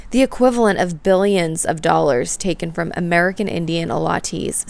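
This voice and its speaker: A woman's voice: lowish voice, vocal fry, clean tone. A woman reading scripted narration for a news documentary as the reporter.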